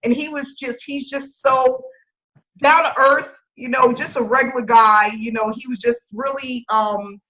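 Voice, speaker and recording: High bright woman, breaking-up stream audio, dull lo-fi call, upbeat. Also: steady tone, measured pace. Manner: upbeat, repetitive fillers. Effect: breaking up over an unstable stream. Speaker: home business promoter. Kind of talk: group video hangout talk. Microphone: video call.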